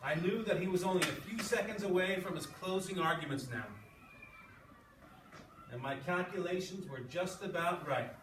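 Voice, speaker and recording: A sixth-grade English teacher with a slightly high voice reads aloud to his class and leads a discussion, speaking informally at a moderate pace and often checking in with his listeners. He sits some distance from the mic in an echoey classroom with clear background noise.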